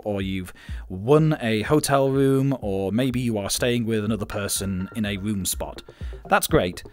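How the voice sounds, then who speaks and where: A man narrating a scripted guide in an instructive way, stressing his key points. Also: mid-range voice. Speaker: channel host giving advice.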